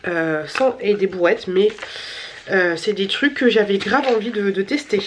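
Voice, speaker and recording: A woman's voice: mid-range voice, measured pace, slight background noise. A tired woman vlogger with a stuffy, nasal voice, chatting casually through a shopping haul with many fillers and repeated words.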